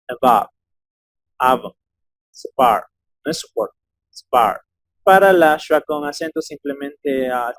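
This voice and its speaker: A man's voice: mid-range voice, dry recording. Spanish-speaking man teaching sounds. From Ecuador. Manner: explains slowly, models sounds aloud one by one. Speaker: English teacher. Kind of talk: phonetics lesson.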